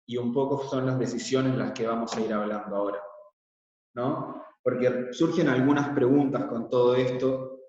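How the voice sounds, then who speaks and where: A man's voice: medium pitch, moderate pace. Israeli-born man on an echoey video call. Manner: calm, explanatory, with frequent "eh" fillers. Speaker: workshop facilitator. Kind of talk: online workshop presentation. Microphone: laptop mic on a video call. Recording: echoey, distant, dull video call audio.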